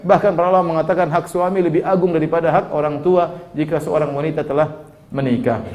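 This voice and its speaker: Man, sermon, question-and-answer delivery, repeats key words, slightly high voice. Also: darkish tone. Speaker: preacher.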